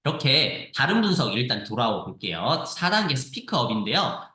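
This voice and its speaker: A man teaching how to use a reading app, explaining with lively repetition as he clicks through a screen-share tutorial. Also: medium pitch, fairly quick, echoey room. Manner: lively explanatory, repeats phrases.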